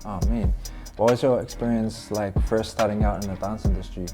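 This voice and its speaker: Easygoing New host. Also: male voice, lowish voice, steady tone, brisk, music in the background. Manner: easygoing, short backchannels. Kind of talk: casual interview.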